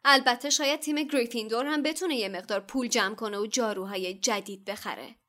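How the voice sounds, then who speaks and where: A woman's voice: medium pitch, a bit bright, lightly acted. A woman voicing a smug, spoiled rich schoolboy with a sneering, self-satisfied manner.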